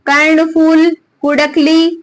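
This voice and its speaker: Lady teacher, high voice, goes slow, repeats stuff, asks questions then answers them herself. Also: little pitch movement, low-quality recording. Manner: repeats items for students to write down. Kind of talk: classroom lesson dictating notes.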